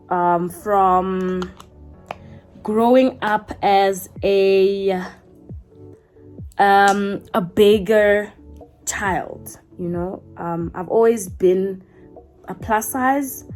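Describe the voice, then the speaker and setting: Mid-range and darkish in tone, the voice belongs to a South African woman in her twenties. She's a YouTuber having a casual get-to-know-me chat to camera, wandering off on tangents and correcting herself as she goes.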